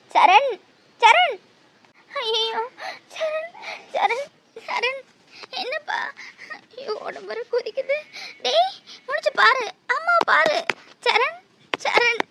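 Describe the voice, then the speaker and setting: A woman voicing a very high-pitched frantic cartoon mother. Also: creaky, noisy background, heavily acted. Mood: panicked. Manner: tender coaxing, then pleading and sobbing. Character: frantic young mother of two sick small children. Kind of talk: cartoon voice acting.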